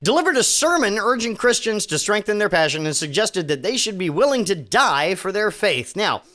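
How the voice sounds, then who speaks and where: A male podcast host tears through the week's news with sarcasm and casual profanity. He trips over himself, restarts sentences and lets his voice swing widely in pitch as he mocks each story. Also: very animated, moderate pace, bright, forceful tone. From Virginia. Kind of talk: sardonic news commentary podcast. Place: home studio.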